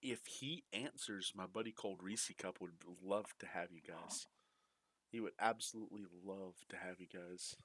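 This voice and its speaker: A male streamer with a very deep, low voice, talking in a relaxed, offhand way to his viewers. The sound is close and dry, with no room in it. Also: normal speed, no room sound. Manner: laid-back, thinking out loud. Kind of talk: casual chat to viewers.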